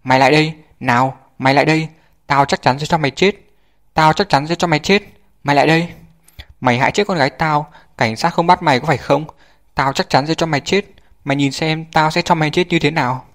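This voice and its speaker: Grieving mother, woman, played by a man, high and shrill, screaming, audiobook. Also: quick pace, a bit bright. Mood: furious shrieking.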